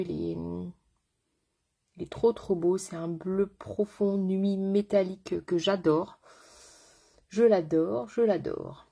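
In a mid-range voice that's gravelly, husky and darkish in tone, a woman makeup artist runs a live tutorial. She's slangy and enthusiastic, chatting away and calling her viewers by pet names.

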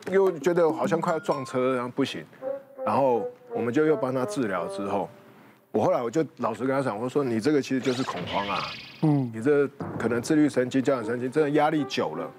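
A man's voice: mid-range voice, animated, fast, noisy background. A man, a doctor on a talk show, recounting a patient's case and quoting what he told the patient.

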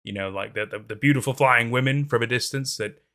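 A mid-range, slightly fast, sharp-toned male voice belongs to a young man who first tells a horror story and then chats in a rambling, hesitant way, with many fillers and restarts. He's recording at a desk in a small room in front of a green screen.

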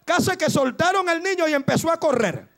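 Very high-pitched, gravelly male preacher. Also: lively intonation, fairly quick. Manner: shouts and exhorts in bursts, repeating phrases. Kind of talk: fervent Pentecostal sermon.

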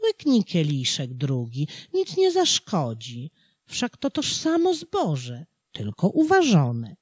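A narrator voicing a scheming, gleeful devil who coaxes a peasant to drink, in a slow, breathy audiobook reading of a folk tale. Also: wildly swooping pitch, no room sound, full character voice. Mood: coaxing. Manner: coaxing, boisterous, loud high exclamations.

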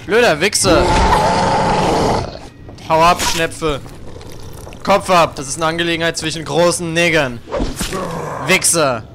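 A man's voice: fairly high pitch, takes it slowly, long pauses, very noisy. A young man commenting on a video game he is playing, crude and jokey, trash-talking the characters on screen. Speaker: let's play gamer.

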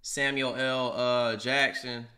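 Bright-voiced young man roasting a friend. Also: mid-range voice, little pitch movement, slow pace, slight background noise. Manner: roasting, swearing, bursts into loud shouts. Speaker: vlog host. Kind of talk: joking casual chat. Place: living room.

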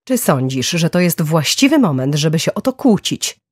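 A woman's voice: sits low, big pitch swings, normal speed, a little mellow, breathy edge, dry recording, clean studio sound, exaggerated voice. A woman voicing a curt, cold, angry husband in an audiobook thriller.

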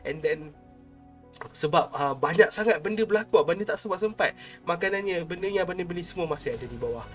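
A man's voice: sits high, animated, fast talker. A young man with a Malaysian accent talking casually and informally to his subscribers as a YouTube host, close to a desk microphone. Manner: informal, chatty, addresses viewers as an older brother. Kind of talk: casual vlog talk to subscribers. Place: small home room, indoors. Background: background music.

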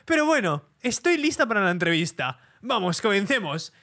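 A man's voice: high-pitched, sing-song, moderate pace, sharp tone, exaggerated voice. A man voicing a falsely sweet, sinister mother of a creepy family in a horror game, calling her captive dear. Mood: sweetly sinister.

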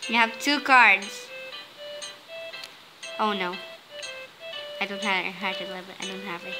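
Excitable woman gaming host, unhurried, squealy outbursts over game music. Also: mid-range voice, poor audio. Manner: excitable, bursts into squeals and complaints while playing. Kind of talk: casual game commentary.

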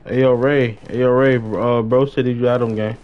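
On a gaming livestream, a young man chats casually in slangy, profane street talk. His mid-range voice is steady and moderately paced, captured through a dull lo-fi mic with noise.

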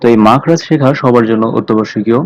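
A man teaching Quran recitation, slowly repeating Arabic letter sounds and explaining where each is made in the throat and mouth. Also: medium pitch, darkish tone. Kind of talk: slow tutorial on Arabic letter articulation. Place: mosque. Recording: slightly dull lo-fi audio.

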